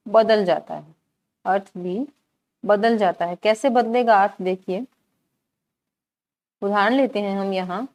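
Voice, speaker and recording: A woman teaching a grammar lesson for exam preparation, asking the class questions and answering them herself while repeating key words slowly. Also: medium pitch, a little mellow.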